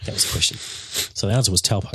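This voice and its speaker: A man's voice: quick pace, pushed and bright, dry recording. A man co-hosting a casual sports podcast, opinionated and matter-of-fact. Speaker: podcast co-host.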